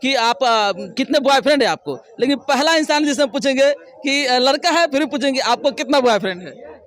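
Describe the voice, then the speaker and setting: A man's voice: very high voice, lively intonation, a little fast, fairly bright tone, soft background music. A man hosting a casual interview. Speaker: interviewer, channel host.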